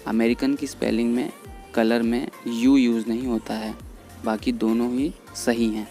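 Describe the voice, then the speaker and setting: A man explaining English vocabulary in Hindi, patiently repeating each word slowly. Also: medium pitch, little pitch movement, gravelly, warm tone. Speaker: English teacher. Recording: faint background music under voice. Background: faint background music.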